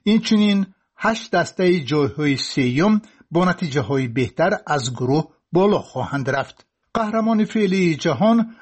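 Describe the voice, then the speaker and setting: A man reads a sports bulletin from a script. His voice sits a little high for a man and has a husky edge. He keeps a formal, measured newsroom delivery. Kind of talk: scripted sports news reading.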